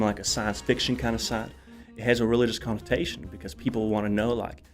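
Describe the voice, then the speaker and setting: A man hosting a casual talk show alone, energetic and rambling with many fillers, out of breath and coughing. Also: lowish voice.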